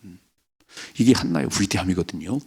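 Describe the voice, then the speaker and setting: A man's voice: low voice, animated, a little fast, a little mellow, husky. A male pastor giving an early morning sermon in a conversational preaching manner, acting out the voices of people in the story.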